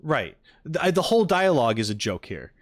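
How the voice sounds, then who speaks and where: Chatting with live viewers as he reacts to game content, this streamer jokes around, rambles, and circles back to the same points. He sounds a little high and sing-song at a fairly quick clip. The sound is clean studio quality with no echo.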